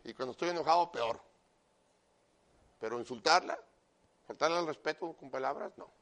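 A man delivers a sermon in a loud, emphatic voice with a gravelly edge. His voice sits somewhat high for a man, and he talks straight to his listener, mixing earnest preaching with joking asides. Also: normal speed. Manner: animated, with joking asides and repeated direct address to the listener.

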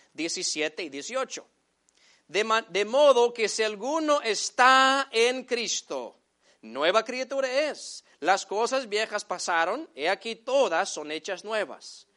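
A native English-speaking pastor preaches a sermon in Spanish, calling the congregation brothers. His voice is high-pitched and a bit bright, and he slows down to stress key phrases.

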